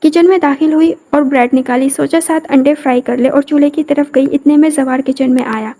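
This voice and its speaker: A woman narrates a romantic audio novel with a high, mellow voice. Her delivery is steady and scripted. The tone is soft and warm rather than bright.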